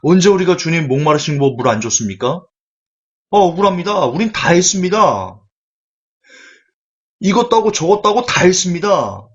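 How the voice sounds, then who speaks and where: Aggrieved goats at judgment, whiny and high, voiced by a preacher. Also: male voice, sing-song, dull audio. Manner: slow, wronged, whining.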